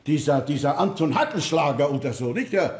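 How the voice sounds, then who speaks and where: An actor playing a fussy, excitable chatterbox who talks in a flustered, stammering, gossipy way. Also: male voice, fairly high pitch, brisk, natural voice. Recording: echoey theater stage.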